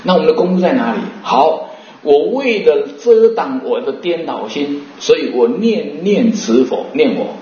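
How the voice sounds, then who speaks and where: A man giving a Buddhist dharma talk, asking rhetorical questions and slowly chanting to demonstrate. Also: on the high side, very animated, dark tone. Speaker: Buddhist teacher. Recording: roomy, muffled recording.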